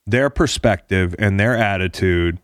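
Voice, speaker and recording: A man's voice: low-pitched, a little slow, dry recording, clean studio sound. A man hosting a podcast, talking casually in a rambling, encouraging way. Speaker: podcast host.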